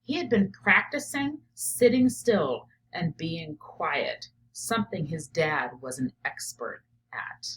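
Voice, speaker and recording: A middle-aged woman, a teacher and professor, reads a children's story aloud and reflects on it, thinking out loud and often dropping to a murmur as she notes ideas. Her voice sits low and is expressive, slow, and with few pauses, though the audio is poor.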